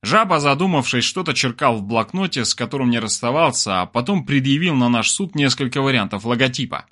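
A man narrates a story with an animated, lively delivery whose pitch keeps moving up and down. He reads expressively and leans into crude slang. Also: brisk.

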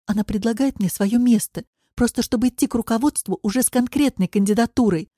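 A woman's voice: fairly high pitch, fast, warm tone, dry recording, studio quality, pitched above the performer's own voice, natural voice. A woman reading the part of a frustrated wife near forty in an audiobook, insistent and pleading. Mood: upset.

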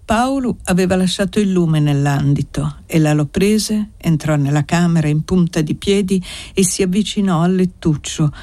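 An audiobook reader narrating a classic novel in a measured, even storytelling manner. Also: mid-range voice, no room sound. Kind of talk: literary narration read aloud.

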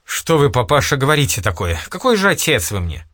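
A man's voice: medium pitch, big pitch swings, fairly quick, a bit bright, no room sound, clean studio sound. A man reading aloud, voicing a cringing, thieving official who pleads and fawns. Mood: indignant. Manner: fawning, pleading.

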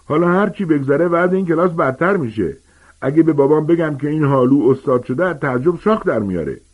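Man doing a snotty rich kid, drawling and mocking, a bit husky. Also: mid-range voice, sing-song, narrow, tinny audio, pitched above the performer's own voice. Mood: taunting. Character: sneering, spoiled teenage rich boy.

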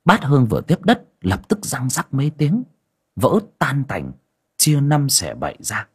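A man narrating an audiobook story in an expressive storytelling manner. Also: mid-range voice, unhurried, husky.

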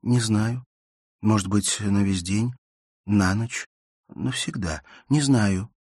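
A desperate young woman from an audiobook, voiced by a male reader pleads in a breathless, urgent rush. The voice is husky and lifted above a low base. It sounds close and dry. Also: slow pace, a little mellow, no room sound. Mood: distraught pleading. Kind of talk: audiobook character voice.

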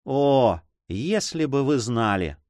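A man's voice: medium pitch, sing-song, slow pace, a little mellow, dry recording, studio quality. A man voicing an emotional young nobleman in an audiobook, pleading and tearful in manner. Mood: despairing. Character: young man, tearful, ashamed, then overjoyed.

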